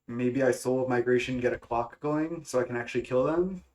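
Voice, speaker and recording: His voice mid-range, a little mellow, and a little fast, a young man who creates gaming content thinks out loud about which cards to play. He sounds stuffy and congested and speaks casually, hesitantly, with frequent fillers and restarts.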